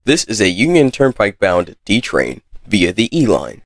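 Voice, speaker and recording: Male transit announcer, airport-announcement style: formal, measured, slightly deep, animated intonation. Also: dry recording, clean studio sound. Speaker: train announcer.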